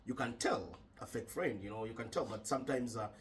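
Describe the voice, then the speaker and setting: A man from Uganda co-hosting a casual podcast chat, measured and thoughtful with frequent hesitations. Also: mid-range voice, distant mic, slight background noise. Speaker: podcast co-host.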